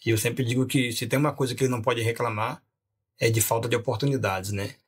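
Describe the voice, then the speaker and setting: A man who is a pastor, telling a personal testimony on a podcast with animated delivery and frequent laughs. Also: mid-range voice, fast talker, slightly rough. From Rio de Janeiro. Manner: animated storyteller, laughs often.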